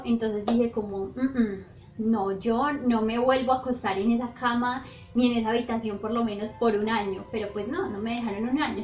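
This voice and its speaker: A woman's voice: fairly high pitch, a little mellow. Young woman telling spooky stories. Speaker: vlogger. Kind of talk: storytime narration. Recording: roomy, slightly dull, faint music. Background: faint background music.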